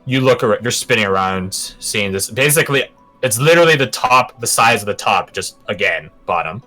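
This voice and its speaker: A man narrating a tabletop game as game master, moving between dramatic, drawn-out description and casual asides. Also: on the low side, animated, sharp tone, faint music behind.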